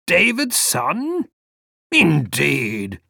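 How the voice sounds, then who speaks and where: Absent-minded older man, voiced by a man in a storybook reading, raised soft hesitant voice, lively pitch. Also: creaky, dry recording, studio quality, exaggerated voice. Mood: puzzled. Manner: hesitant, slow, soft and wondering.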